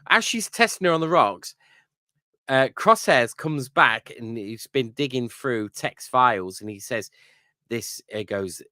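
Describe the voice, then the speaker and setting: A man's voice: medium pitch, animated, measured pace, sharp tone, no echo, clean studio sound. Man rambling through a plot recap. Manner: rambling plot recap with fillers and tag questions. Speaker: podcast co-host. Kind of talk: casual episode review chat.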